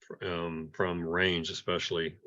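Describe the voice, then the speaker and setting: Speaking informally to his amateur radio club, a man reports with a sharp tone and a low voice that barely moves in pitch. The delivery is halting, full of hesitations and repeated words, over dull, muffled audio.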